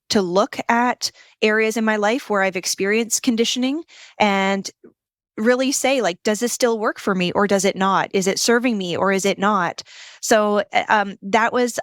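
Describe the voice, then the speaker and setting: Female guest; thoughtful, measured delivery, medium pitch, dry recording. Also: dry recording. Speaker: interview guest. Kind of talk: casual interview chat.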